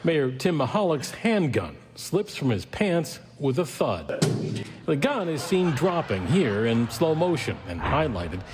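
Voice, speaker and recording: A man's voice: fairly high pitch, sing-song, a little slow, over music. A man reading scripted television news narration as a reporter. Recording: news clip played through echoey noisy hall.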